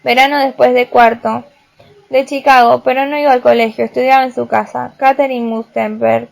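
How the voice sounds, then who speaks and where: A woman's voice: fairly high pitch, flat delivery, normal speed, creaky. A woman reading as a nerdy, obsessive teenage boy prodigy. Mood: earnest. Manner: earnest, precise and obsessive.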